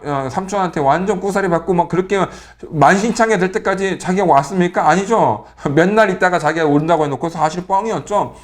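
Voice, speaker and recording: A man teaching about a Bible character in a joking, lively way, full of rhetorical questions. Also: fairly high pitch. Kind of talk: humorous Bible character talk.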